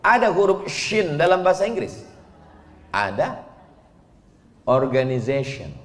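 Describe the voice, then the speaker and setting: A man, preaching in a lively religious lecture, teasing the crowd with questions and chanting verses. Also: on the high side, unhurried. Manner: playful, teasing questions, chanted Quran recitation. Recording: echoey hall with long reverb.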